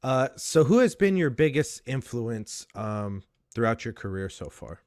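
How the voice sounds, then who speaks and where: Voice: medium pitch, big pitch swings, measured pace, a little mellow, dry recording. Interviewer role: casual questioning, dry close sound with no room on it.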